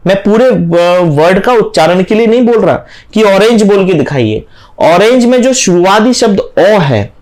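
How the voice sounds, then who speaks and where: Guy teaching grammar, high pitched, keeps repeating the main points, gets students to say stuff out loud. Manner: emphatic, repeats key points, asks students to say sounds aloud. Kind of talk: exam-prep classroom lecture.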